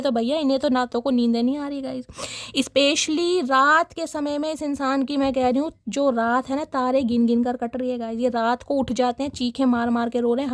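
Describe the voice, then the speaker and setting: A woman's voice: sits high, no echo, studio quality. A young woman giving a casual tarot reading to her viewers, dramatic and chatty, often laughing and calling out to her audience. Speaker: tarot reader.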